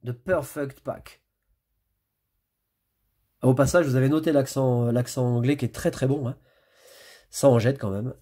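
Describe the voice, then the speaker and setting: Husky man chatting while opening card packs. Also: medium pitch, darkish tone. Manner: chatty, mutters card names as he flips. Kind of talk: casual pack-opening commentary.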